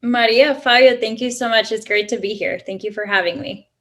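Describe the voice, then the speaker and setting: A woman from Colombia, a guest in an interview, answering casually and warmly with frequent ums. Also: a little high, fairly quick. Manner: friendly, chatty, many "um"s.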